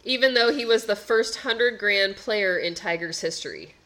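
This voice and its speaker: A woman's voice: medium pitch, moderate pace, bright, forceful tone. A woman co-hosting a podcast, casually telling baseball history stories with dry asides. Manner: anecdotal storyteller, dry asides. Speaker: podcast co-host.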